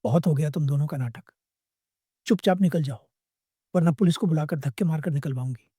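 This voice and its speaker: A spoiled, scornful young daughter-in-law speaks with cold mockery, voiced by a man narrating a story. The tone is mellow and somewhat husky, and the recording sounds dry and close. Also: fairly high pitch, brisk, no echo. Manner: cold and mocking.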